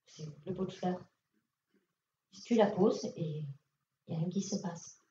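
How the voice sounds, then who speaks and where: A woman medium talks casually and directly to an audience member, with plenty of fillers. Her voice is mellow and sits in the middle of the range. She is picked up from afar, dull and roomy, in a conference hall. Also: fairly low pitch, unhurried, slight background noise. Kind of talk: public mediumship reading. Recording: echoey hall, distant lo-fi mic.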